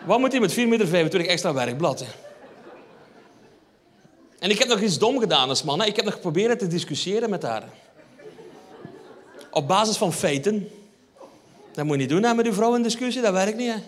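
Flemish man, stand-up comedian, wry storyteller, fairly high voice, long hall reverb. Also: lively intonation, brisk, long pauses. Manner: wry, storytelling, addresses the audience. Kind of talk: stand-up routine. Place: theatre hall on stage.

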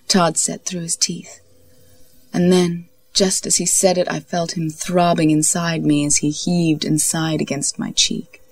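A woman narrating an intimate story in a soft, slow, breathy voice, often near a whisper, with a husky tone. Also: low voice, no room sound. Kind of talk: intimate scripted story reading.

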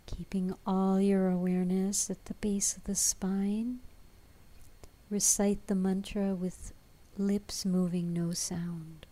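A woman leading a guided meditation as a teacher, in a soft, breathy, soothing delivery. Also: medium pitch, level tone, takes it slowly.

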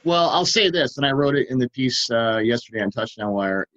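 Excitable man on a dull lo-fi line. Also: mid-range voice. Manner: excitable, rambling, quick to laugh. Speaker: podcast co-host, football writer. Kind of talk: casual podcast chat. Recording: dull lo-fi audio.

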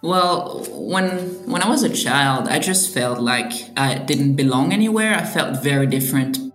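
A woman's voice: a bass voice, animated, normal speed, fairly bright tone, roomy sound, faint music behind. A young woman from Belgium, a doctoral candidate, telling her own story in an earnest, reflective interview. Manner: earnest, reflective, with some hesitant restarts. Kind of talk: personal testimony interview.

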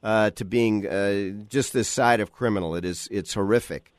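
An American man hosting opinionated talk radio, halting and repeating phrases for emphasis as he goes. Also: lowish voice, no echo, clean studio sound. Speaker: radio talk show host.

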